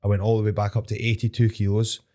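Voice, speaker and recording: A Scottish podcast guest who fights in mixed martial arts rambles through casual anecdotes during a storytelling interview, swearing and laughing often. His lowish, mellow voice moves at a quick pace with completely flat delivery.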